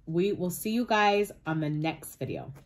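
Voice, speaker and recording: A woman vlogger chatting casually as she reviews pizza, pausing often with fillers and "like". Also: on the low side, big pitch swings. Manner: hesitant, many fillers and "like". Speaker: mukbang vlogger. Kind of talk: casual food review chat.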